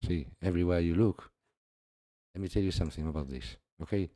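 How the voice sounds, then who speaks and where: Deep, dark-voiced man discussing scripture. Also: fairly quick, no room sound, clean studio sound. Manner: reads scripture aloud, laughs often, repeats "see". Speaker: religious video host. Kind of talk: casual religious commentary.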